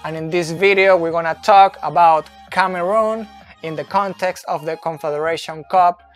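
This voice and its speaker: A man in his thirties, not a native English speaker, explains soccer tactics slowly at a whiteboard in an indoor room with a brick wall. His slightly high voice holds a steady tone, with fillers, restarts, and pointing at the board, over soft background music. It was recorded on a phone camera held close and moving.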